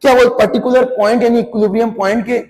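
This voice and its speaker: A man's voice: very high-pitched, steady tone, racing, a little mellow, big-room sound. A man teaching a physics class, who keeps asking the students questions to check that they follow. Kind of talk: classroom lecture.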